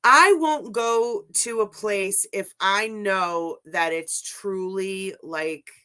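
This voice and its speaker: A woman in her forties, a ghost hunter guest, telling lively stories in casual chat, laughing often and saying "like" a lot. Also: medium pitch, slow, smooth. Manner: animated storyteller, laughs often, says like a lot.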